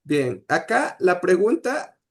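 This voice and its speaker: A man with a Salvadoran Spanish accent giving an online language class, pausing often with "eh" and checking in with "¿sí?". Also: high-pitched, very animated, a little hiss or hum. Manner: hesitant, many "eh" fillers and "¿sí?" checks. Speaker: Nahuat language teacher.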